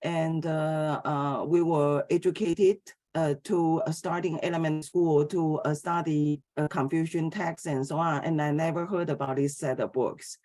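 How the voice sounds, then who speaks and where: Speaking low in a steady, dark tone, a middle-aged woman from Taiwan gives a philosophy lecture haltingly, her academic talk broken by frequent pauses and fillers.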